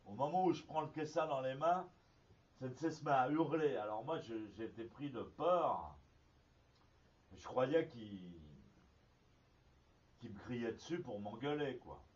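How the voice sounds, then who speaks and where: A man from France gives a spoken zen teaching, drifting through an anecdote with pauses, fillers and restarts. His voice sits at an ordinary middle pitch. It is heard from well back in the room on a muffled, lo-fi archive recording. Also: expressive. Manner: halting, with frequent restarts and fillers. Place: meditation hall. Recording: distant, dull lo-fi archive recording.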